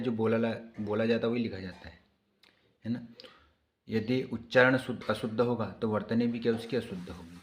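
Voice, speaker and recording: A man teaching grammar in an online exam-prep class, explaining patiently and repeating key points with frequent checking questions. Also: lowish voice.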